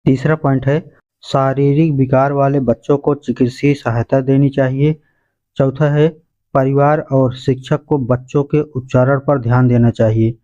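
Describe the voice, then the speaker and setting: A man's voice: mid-range voice, steady tone, normal speed, warm tone, highs cut off. A male teacher going through exam questions and answers point by point, calling his listeners friends. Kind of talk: exam revision lesson.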